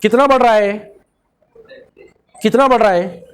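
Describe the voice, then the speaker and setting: A man's voice: high-pitched, a little slow, clean tone. A man teaching a physics lecture with a Marathi-influenced Hindi accent. He mixes English technical terms into his speech, asks the class questions and answers them himself.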